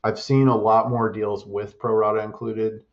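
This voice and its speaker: An investor and startup advisor answers interview questions casually, in a level, measured way with many fillers, often stopping to restart a phrase. His voice is low and gravelly, and the audio comes across slightly dull and muffled.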